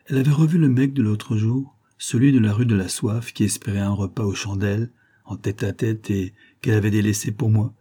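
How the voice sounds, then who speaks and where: Brief: male narrator, low husky voice, measured wry reading of a novel. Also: steady tone, dark tone. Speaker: audiobook narrator. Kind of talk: first-person novel reading.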